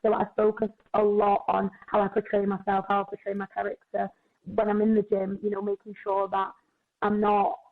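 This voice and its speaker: A chatty twenty-one-year-old woman speaking as a podcast guest, a personal trainer who fills her talk with casual filler words. Her voice sits at an ordinary middle pitch for a woman. The sound is thin and tinny, as if over a phone line. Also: monotone. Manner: chatty, quick, lots of "like" and "you know".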